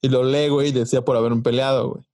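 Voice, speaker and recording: A man's voice: medium pitch, very fast, no room sound, studio quality. A young man with a Mexican accent, hosting a casual podcast chat and telling childhood stories with lots of acted-out quotes and casual swearing. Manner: animated storyteller, acts out quotes, swears casually. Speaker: podcast host.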